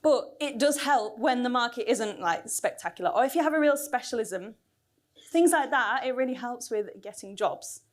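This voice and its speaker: A woman's voice: on the high side, animated, normal speed. A woman speaking at a conference, losing her voice, chatty and asking the audience questions. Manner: chatty, asks the crowd questions. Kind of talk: lively lightning talk to an audience. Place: cinema venue stage.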